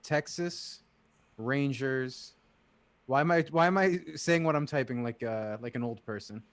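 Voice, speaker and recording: A man's voice: lively intonation, brisk, dry recording. A man co-hosting a casual baseball watch-party podcast, joking and laughing with friends. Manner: laughing, playful, mimics friends in high squeals. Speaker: podcast co-host.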